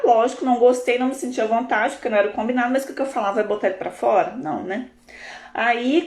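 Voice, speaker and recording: A Brazilian woman, a coach, telling a story in a live session in a lively, expressive way. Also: medium pitch. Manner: animated, expressive, laughs often. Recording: roomy echo.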